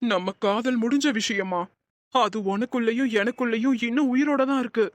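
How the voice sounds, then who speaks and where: Woman doing a young cartoon husband, fairly high voice, earnest and pleading, dry sound. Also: normal speed, no echo, lightly acted. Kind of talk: animated cartoon voice acting.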